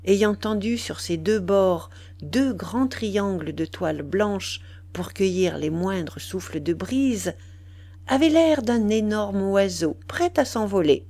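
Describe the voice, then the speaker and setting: A woman reading a classic novel aloud in calm, measured narration. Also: mid-range voice. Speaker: reader.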